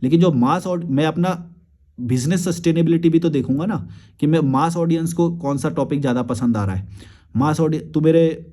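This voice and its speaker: Young guy youtuber going off at his commenters, crude and blunt, kinda high but mellow voice. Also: moderate pace. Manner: blunt, crude and combative, swears often. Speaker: YouTube creator. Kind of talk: ranting reply to viewer comments.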